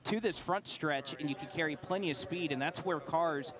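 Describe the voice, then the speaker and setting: Male race commentator at a racetrack, higher-set voice, analytical, conversational delivery. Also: moderate pace, a bit bright. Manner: explanatory, analytical.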